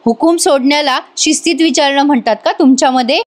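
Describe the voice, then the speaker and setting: A curt, sarcastic young husband from a serial recap, read out by a woman narrator in her own high voice. He snaps back short and dismissive. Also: fast talker, close to an everyday voice.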